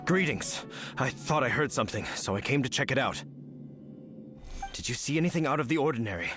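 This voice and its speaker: Brief: a man playing a polite game knight, mid-pitched and very expressive in pitch. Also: fairly quick, over music, natural voice. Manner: formal, polite, earnest. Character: dutiful, courteous adult male knight captain. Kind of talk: game voice acting.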